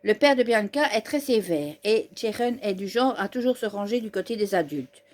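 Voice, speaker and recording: A woman with a natural, medium-pitched voice reads at normal speed the lines of an eager, boastful young male Pokémon trainer from a manga, declaiming them with excitement.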